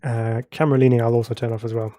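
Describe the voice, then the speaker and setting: Congested from a cold, this man speaks in a warm, mid-range voice with a flat, rapid-fire delivery. He chats and laughs at himself as he drives a racing sim live, reading out messages from viewers.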